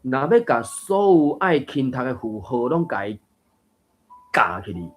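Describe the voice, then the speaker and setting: A man's voice: medium pitch, sing-song, unhurried. Musing man in a Taiwanese language chat. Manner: thoughtful, musing, with fillers and laughs. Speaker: reading group host. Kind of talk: casual discussion of Taiwanese texts.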